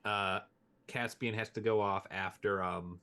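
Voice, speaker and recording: A man's voice: lowish voice, steady tone, measured pace, sharp tone. A man running a tabletop game as game master, playful and teasing, laughing often.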